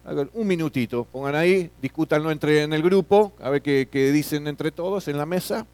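A man's voice: fairly high pitch, normal speed, a little mellow, clean tone, no echo. Man lecturing a class, tag questions. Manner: frequent tag questions, repeats words. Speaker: teacher.

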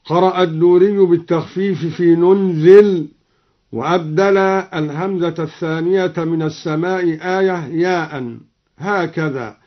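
A man teaching Quran recitation variants in a radio lesson, explaining each point in a measured, scholarly way. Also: fairly high pitch, fairly even intonation. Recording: dull lo-fi archival radio recording.

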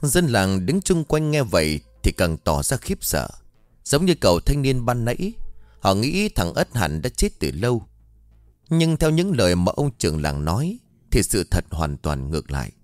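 Guy reading a ghost story, low voice, really animated, dry mic, soft music. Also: normal speed, dry recording. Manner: expressive, dramatic storytelling. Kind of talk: scripted ghost story narration.

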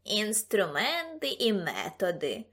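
A woman voicing a sarcastic male gargoyle demon who croaks and mocks in an audiobook. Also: a little high, expressive, a little slow, a bit bright, full character voice. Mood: mocking. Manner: croaking, mocking.

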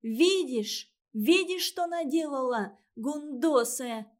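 A woman's voice: fairly high pitch, close to an everyday voice. A woman voicing a spoiled, sly little girl who chatters and lies. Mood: angry. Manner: fast sly wheedling chatter.

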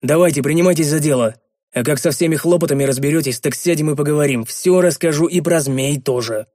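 Brief: man playing gruff storybook leader, barking orders, stern. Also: a little high, quick pace, a little mellow, dry recording, studio quality, close to an everyday voice. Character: gruff male leader, quick-tempered then easing.

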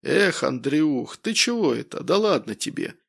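A man's voice: fairly high pitch, very animated, unhurried, creaky, slightly rough, exaggerated voice. A man voicing a brash, hard-drinking middle-aged man with a blunt, boisterous way of talking, in an audiobook.

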